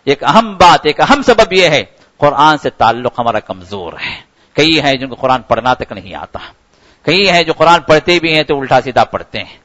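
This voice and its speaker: A man's voice: mid-range voice, a bit bright, poor audio. A man giving a Ramadan sermon, earnest and repetitive, his voice rising sharply for emphasis. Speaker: preacher.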